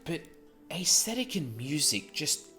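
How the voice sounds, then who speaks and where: A man's voice: on the high side, sing-song, unhurried, sharp tone, faint music behind. A man giving casual commentary as he plays a video game. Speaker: gamer, let's player.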